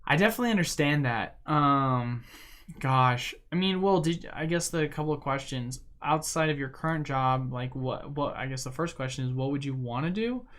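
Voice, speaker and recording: Playing a game on his livestream, a young male host chats casually, rambling with plenty of fillers and slang. His voice is medium in pitch and fairly bright, and he speaks at a moderate pace.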